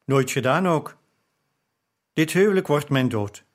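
A proud young woman scribe from an audiobook, bitter and defiant, her voice lifted noticeably higher and a touch louder than the reader's own, as a male narrator puts her on. She sounds stubborn and hurt. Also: animated, measured pace. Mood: cold.

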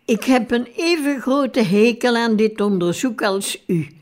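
A woman voicing a calm, matter-of-fact male scientist examining a patient, read slowly in an audiobook. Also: fairly high pitch. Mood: calm clinical.

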